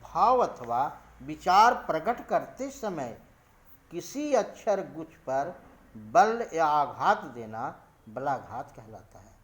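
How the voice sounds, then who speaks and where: A man teaching a Hindi grammar lesson, explaining slowly and spelling out letters and example words one by one. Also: a little high, a bit bright.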